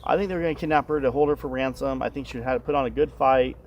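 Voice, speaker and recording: A man's voice: mid-range voice, rapid-fire, muffled recording, noisy background. A man hosting a casual live stream outdoors on a residential street, chatting and musing aloud to his viewers. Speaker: livestream host.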